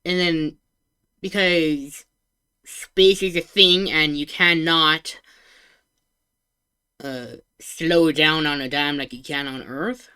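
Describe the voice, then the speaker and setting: A woman VTuber reacts live in a cute, anime-streamer style, excitable and casual, swearing and musing aloud. Her voice is low and smooth, and she speaks slowly with frequent pauses.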